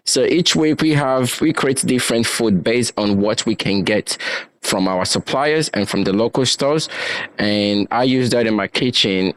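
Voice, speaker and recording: A middle-aged man from Nigeria, raised in Italy, a chef telling stories in an interview with lively restarts. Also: fairly low pitch, no echo. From Nigeria, raised in Bologna, Italy. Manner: animated storyteller with frequent restarts. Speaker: chef and restaurant owner, guest. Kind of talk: conversational interview.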